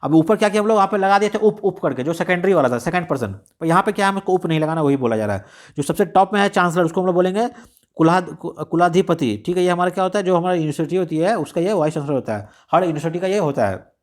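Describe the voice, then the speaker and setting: A man's voice: high-pitched, expressive, fast. A young man from India teaching an exam-prep lesson, explaining conversationally with rhetorical questions and repetition. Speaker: exam tutor. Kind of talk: casual spoken lecture.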